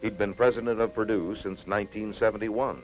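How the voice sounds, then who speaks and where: A man narrating an old newsreel in a measured, announcing delivery. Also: lowish voice, steady tone, music in the background, low-quality recording.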